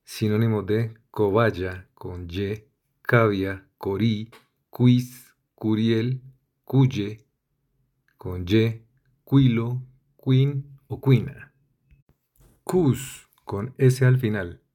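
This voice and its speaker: A man reading dictionary entries aloud in a measured way, spelling out the end of each word. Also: on the low side, steady tone, warm tone. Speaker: dictionary reader.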